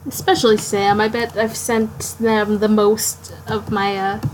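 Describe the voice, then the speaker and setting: A woman live-streaming her drawing late at night, sleepy and yawning, rambling to herself in halting, self-interrupting talk. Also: mid-range voice, flat delivery, a little mellow, a little hiss or hum, rough recording. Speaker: art streamer.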